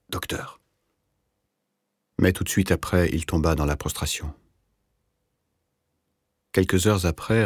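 A man reading a novel aloud as narrator, in a measured, even literary delivery. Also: very deep voice, breathy edge, no room sound, studio quality. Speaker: audiobook narrator.

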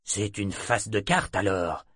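A gruff, worn-out ship's mate speaks low and slow, with clipped, curt replies, as a male narrator plays him. The recording is dry and close to the mic. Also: a bit bright, no room sound, full character voice.

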